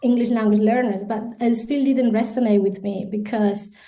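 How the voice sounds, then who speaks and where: In a podcast interview, a Colombian guest who grew up speaking Spanish talks at normal speed. Her voice leans high, steady and mellow. She's reflective, frequently starting over and repeating words, with occasional light laughs.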